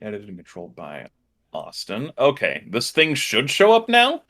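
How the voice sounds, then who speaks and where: A man's voice: medium pitch, huge pitch swings, moderate pace, a crowd in the background. A man narrating and running a tabletop game as the game master.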